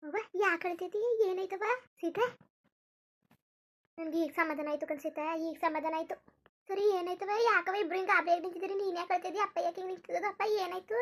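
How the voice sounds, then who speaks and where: A woman's voice: extremely high pitch, fairly even intonation, fast talker, a bit bright. Woman voicing an anxious village daughter. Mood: worried. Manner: anxious, pleading questions. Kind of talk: cartoon voice acting.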